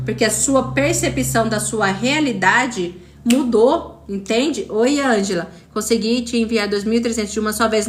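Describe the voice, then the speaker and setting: A woman's voice: a little high, reverberant, a little hiss or hum. A woman with a Brazilian Portuguese accent hosting a live stream as a spiritual coach, talking in an emphatic, repetitive way and greeting viewers by name. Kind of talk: motivational live-stream talk.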